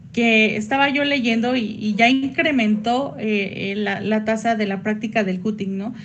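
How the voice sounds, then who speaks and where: A woman psychologist giving a workshop online, chatty, with sudden high jumps when she acts out quoted voices. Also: a bit bright, slight background noise.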